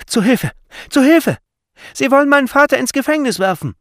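A man voicing an eager young boy who calls out in a high, excited voice in a storybook reading. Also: moderate pace, no echo, clean studio sound, full character voice. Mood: panicked.

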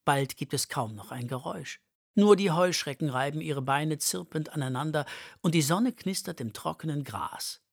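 A man narrating a children's story in a lively, expressive way, close to the microphone. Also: a little high, normal speed, creaky, no echo.

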